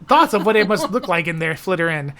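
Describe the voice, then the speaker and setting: Lower-pitched woman reading with lively intonation. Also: fast talker. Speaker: narrator and editor of a playthrough series. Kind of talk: expressive reading of a first-person visual novel.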